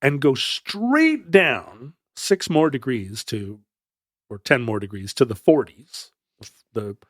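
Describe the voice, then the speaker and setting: A man's voice: medium pitch, sing-song, slow, a bit bright, no echo, clean studio sound. A man co-hosting a podcast, telling a history story in a casual, playful way with joking asides. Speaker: podcast co-host.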